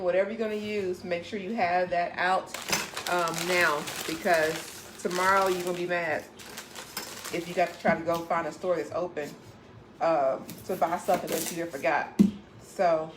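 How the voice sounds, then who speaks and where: A woman's voice: on the low side, noisy background. Chatty woman giving kitchen tips. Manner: chatty, gives direct homey advice. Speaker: home cooking vlogger. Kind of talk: casual kitchen chat and cooking tips. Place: home kitchen.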